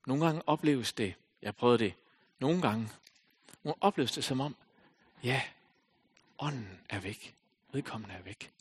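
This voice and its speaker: A male pastor preaching a sermon, reading scripture aloud and then talking it through, rising to loud calls and sinking to soft, near-whispered lines. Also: medium pitch, animated, long pauses, a little hiss or hum.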